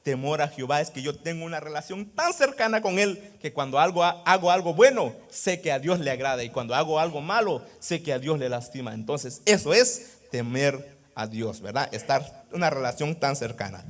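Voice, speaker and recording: A male pastor delivering a sermon in a high-pitched, very animated voice. He leans on rhetorical questions and tags his phrases with "right?" to hold the congregation. He swings between quiet asides and loud exclamations of praise. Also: normal speed. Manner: keeps adding "¿verdad?".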